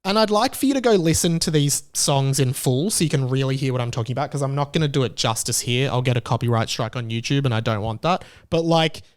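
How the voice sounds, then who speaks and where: Speaking fast with hardly any pauses, a young man with an Australian accent delivers a casual monologue as a podcast host. His voice sits in the mid-range, and his manner is chatty, jokey and opinionated.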